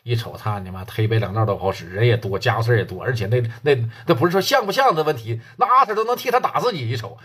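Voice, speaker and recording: A man's voice: mid-range voice, expressive, quick pace, hardly any pauses, fairly bright tone, slightly rough. A man telling a gangland story in a colloquial, earthy and crude way. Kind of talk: oral storytelling.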